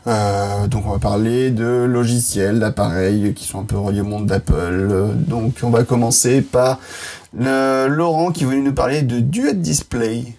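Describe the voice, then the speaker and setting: A man's voice: mid-range voice, steady tone, measured pace, darkish tone. A man hosting a casual podcast chat, joking and steering the talk between segments. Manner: jokey, leads the segments. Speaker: podcast host.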